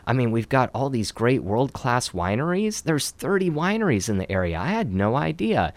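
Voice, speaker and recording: A man's voice: medium pitch, sing-song, moderate pace, no echo. A man from Oregon answering interview questions about his job as a city communications specialist, in an upbeat, chatty way with many fillers.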